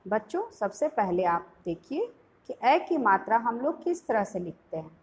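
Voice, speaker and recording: A young woman teaching small children, slowly sounding out each syllable in a patient lesson. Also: mid-range voice, very animated, a little hiss or hum.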